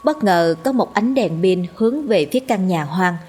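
A woman's voice: mid-range voice, animated, moderate pace, darkish tone. A woman narrating a ghost story as a storyteller.

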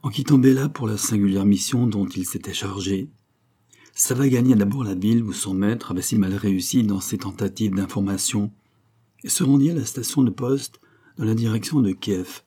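Low, husky male audiobook narrator. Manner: steady, measured literary reading. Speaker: audiobook reader. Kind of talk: scripted narration.

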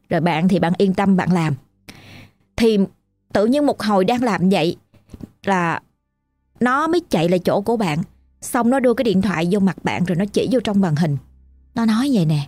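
A woman's voice: medium pitch, a little mellow, dry recording. A woman with a Southern Vietnamese accent narrating a ghost story in a chatty style, talking straight to the listener. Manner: chatty, addresses listener directly.

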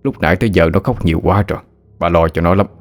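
A man playing a middle-aged village father in a spoken ghost story, with a deep, low voice. He talks calmly and deliberately, with faint music behind. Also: close to an everyday voice. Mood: solemn.

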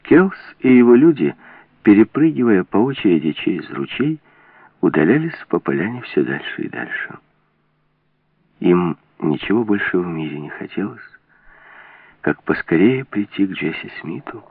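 A man narrating an adventure novel as an audiobook in a steady, dramatic reading. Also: deep voice, measured pace, dry recording. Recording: tinny dry lo-fi audio.

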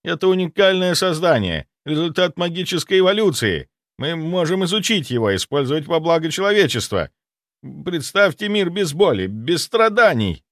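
A man voicing a fanatical male healer serving a cult, hysterical and zealous in a shrill, frantic voice. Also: very animated, moderate pace, fairly bright tone, dry recording, clean studio sound.

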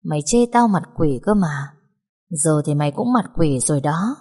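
Woman voicing a cruel female ghost, slow cold taunts, low voice, horror audiobook. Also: animated, darkish tone, breathy edge, in a large hall. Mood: cold taunting.

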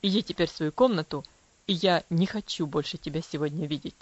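A woman voicing a strict, cold father who speaks in a low, commanding, measured voice in an audiobook. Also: dull audio. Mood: stern, cold. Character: stern cold father, strict then tender.

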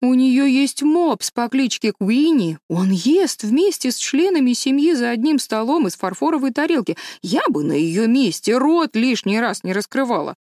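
A woman's voice: on the high side, animated, normal speed, hardly any pauses, darkish tone, dry recording, studio quality, voice pushed up, lightly acted. A woman reading an audiobook, voicing an opinionated, gossipy older village woman who talks with emphatic disapproval. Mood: disapproving.

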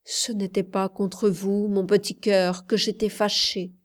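A woman reading the part of a gentle, tender male plantation overseer in an audiobook, soft and pleading. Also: mid-range voice, little pitch movement, a little slow, natural voice.

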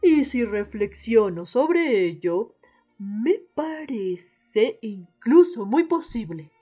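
A woman playing a polite, hesitant English gentleman in a radio play, speaking formally with pauses. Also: fairly high pitch, sing-song, husky, faint music behind, full character voice. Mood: polite puzzlement. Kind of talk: radio theatre acting.

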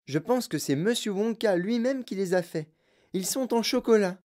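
A woman's voice: medium pitch, expressive, normal speed, warm tone, pitched above the performer's own voice, close to an everyday voice. A woman voicing a kind, eager young boy full of wonder in a storybook reading. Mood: eager curiosity.

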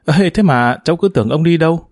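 A man's voice: on the high side, expressive, fast, a little mellow, no room sound, clean studio sound, voice pushed up. A man doing a ringing, chatty young village woman. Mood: cheerful. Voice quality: clear, ringing girlish tone. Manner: chatty, eager, affectionate.

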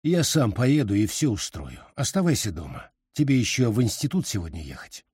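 A man's voice: fairly low pitch, sing-song, a little fast, darkish tone, slightly rough, dry recording, studio quality, full character voice. A man voicing a brusque young husband who barks curt orders.

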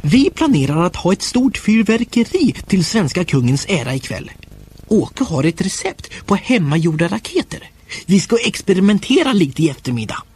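A man narrating a comic first-person diary storybook in a playful, expressive way. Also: fairly high pitch, vocal fry, husky. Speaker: audiobook narrator.

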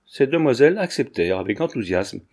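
Mellow-voiced male audiobook narrator. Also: medium pitch, very animated, brisk, husky. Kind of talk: scripted narration of a 19th-century novel.

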